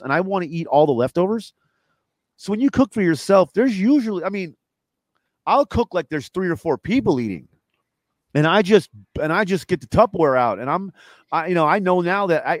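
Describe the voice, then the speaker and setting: A man who is a comedian and home cook, a guest in a casual interview, rambling fast with lots of fillers. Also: fairly high pitch, dry recording.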